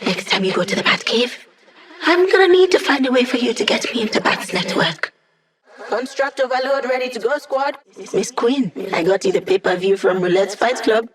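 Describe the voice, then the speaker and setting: A woman voices a young hacker from a video game, playful and wry. She talks in casual, teasing banter, like tech support for a crew of villains, at ease with the jargon and quick to needle her teammates. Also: on the high side, animated, natural voice. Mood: upbeat, focused. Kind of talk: video game character dialogue.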